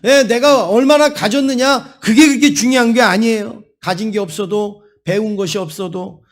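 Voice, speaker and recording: This is a male pastor with a high-pitched voice, preaching a Sunday sermon. He moves between a told story and emphatic, rising exhortation to the congregation. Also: normal speed.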